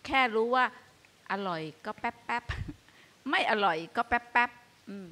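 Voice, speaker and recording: An older woman offers Buddhist advice on a live radio show, her voice bright and clear. She talks earnestly and with animation, stacking up everyday examples. She speaks from a meditation hall before an audience. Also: on the high side, animated, slow pace. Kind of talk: dharma talk on live radio.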